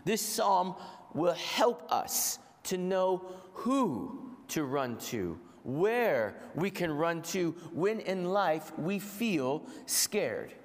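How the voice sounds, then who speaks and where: Preaching to a congregation in a large hall with long, echoing reverb, a man with a gravelly voice and a head cold speaks a little high. His delivery is measured and deliberate, and he repeats phrases for emphasis.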